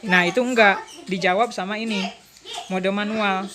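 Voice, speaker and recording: A woman's voice: medium pitch, fairly even intonation, moderate pace, crowd noise. Chatty woman. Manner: chatty, explains step by step. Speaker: motorcycle alarm installer. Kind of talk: casual product demonstration.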